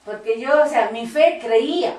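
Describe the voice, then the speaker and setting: A woman's voice: fairly high pitch, unhurried, a little mellow. A woman in a church cell group, earnestly telling a personal story in casual discussion. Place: small home church meeting room. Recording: roomy, distant mic, faint noise.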